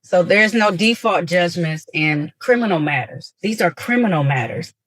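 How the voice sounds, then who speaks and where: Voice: mid-range voice, lively intonation, moderate pace, a bit bright, dry recording. A judge running a hearing, speaking formally and procedurally with frequent ums, captured on a courtroom recording.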